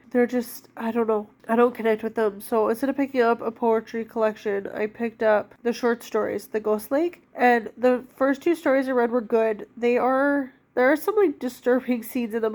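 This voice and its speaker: A woman's voice: a little high, darkish tone. A woman in her thirties with a stuffed-up cold, chatting casually about books as a vlogger, rambling with lots of fillers. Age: 30s. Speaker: book vlogger. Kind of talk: casual chat.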